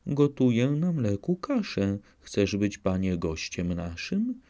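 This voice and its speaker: A man's voice: fairly low pitch, huge pitch swings, takes it slowly, mellow, exaggerated voice. A man voicing a young female cat, a chatty maidservant, speaking in sing-song rhyming replies in a storybook reading. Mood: eager.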